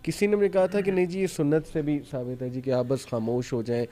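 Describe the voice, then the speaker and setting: A man's voice: fairly high pitch, steady tone, mellow. A man hosting a panel discussion who often murmurs agreement between his own points. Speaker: host.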